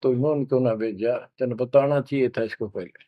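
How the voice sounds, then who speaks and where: A man's voice: mid-range voice, brisk, dry recording, close to an everyday voice. A man voicing a distraught village woman who pleads and scolds, in slightly muffled audio. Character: frightened village woman, devotee's sister.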